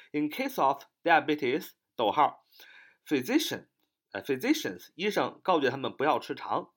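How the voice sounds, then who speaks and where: A man teaching English vocabulary, spelling each word letter by letter, repeating it, and tagging his phrases with a drawn-out "ah". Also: mid-range voice. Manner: ends phrases with a drawn-out "ah" particle. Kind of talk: vocabulary lesson.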